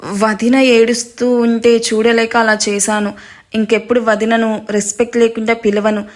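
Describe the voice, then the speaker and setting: A man's voice: very high-pitched, flat delivery, normal speed. A woman voicing a protective younger brother, pleading urgently.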